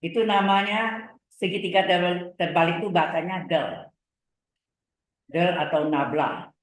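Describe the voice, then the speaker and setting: In an echoey room, a middle-aged man teaches a live university class on vector calculus in engineering math. His voice is a little high and somewhat bright; he goes slowly, repeats terms, and asks questions to confirm students are keeping up.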